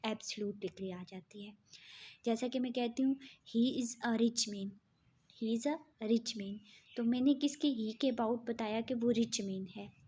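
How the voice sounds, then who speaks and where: Husky woman teaching English grammar. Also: on the high side, dark tone. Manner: slow, deliberate example sentences with frequent "ठीक है?" checks. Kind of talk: grammar lesson.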